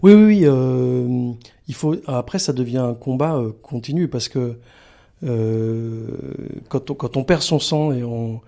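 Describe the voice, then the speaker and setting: A middle-aged man from the Paris region, speaking as a guest in a radio interview and pausing often with fillers. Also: medium pitch, vocal fry, mellow. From Paris region, France. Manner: halting, many filler pauses. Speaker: sanctuary communications manager, guest.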